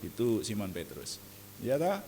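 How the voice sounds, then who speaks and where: A man preaching an evening prayer sermon, animated and jokey, often laughing at his own asides. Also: on the low side, moderate pace, long reverb tail, a little hiss or hum.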